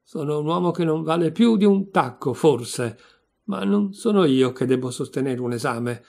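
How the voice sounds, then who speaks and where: Man reading as an angry mocking lodger, loud, gravelly, pitched up. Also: animated, normal speed. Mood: indignant. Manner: shouting, sneering questions. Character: irate male lodger, shouting and mocking.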